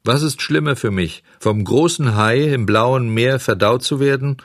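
A man doing a hoarse, resigned old dolphin. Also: mid-range voice, unhurried, no room sound, studio quality, pitched above the performer's own voice, close to an everyday voice. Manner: calm, philosophical.

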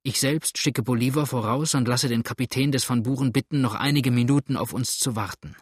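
A man's voice: medium pitch, brisk, slightly rough, no echo, studio quality, natural voice. A man reading the part of a desperate husband, a judge, pleading urgently with a trembling voice.

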